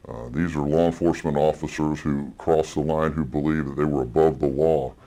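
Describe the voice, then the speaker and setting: Anonymous male source, electronically disguised deep voice, very low pitch, blunt, halting. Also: fairly even intonation, warm tone. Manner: blunt and critical, with halting restarts and fillers. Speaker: anonymous federal agent source. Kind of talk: interview clips in a news report.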